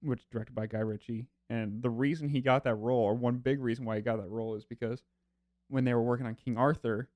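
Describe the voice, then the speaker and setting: A man's voice: mid-range voice, fairly even intonation, quick pace, a little mellow, dry recording. A man co-hosting a podcast, retelling a film plot in a rambling way with lots of fillers. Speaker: podcast co-host. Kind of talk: casual chat.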